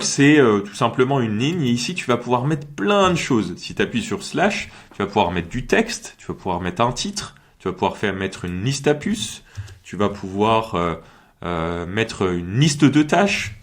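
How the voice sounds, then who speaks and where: A man talking casually through a screen-share software tutorial, chatty and full of fillers and quick check-ins with the viewer. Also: medium pitch. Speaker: magician and course creator.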